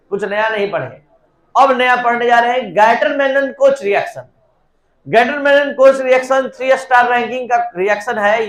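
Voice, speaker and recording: ऊँची आवाज़ वाला पुरुष रसायन शिक्षक. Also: male voice, very high voice. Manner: dictates step by step, prompts students to answer. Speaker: chemistry teacher. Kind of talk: classroom lecture. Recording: echoey classroom.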